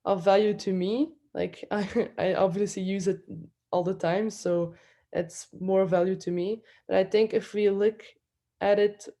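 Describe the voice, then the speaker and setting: A woman's voice: medium pitch, fairly even intonation, a little slow, mellow. A woman from Belgium, a student giving a hesitant debate rebuttal on a video call. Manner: hesitant, many fillers.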